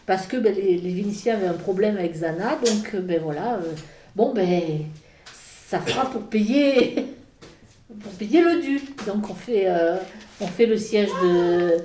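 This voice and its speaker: A woman explaining medieval history in a casual talk, halting with many fillers and restarts. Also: mid-range voice, mellow, roomy sound, a little hiss or hum, poor audio. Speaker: speaker on a church history talk. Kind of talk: informal history lecture in conversation.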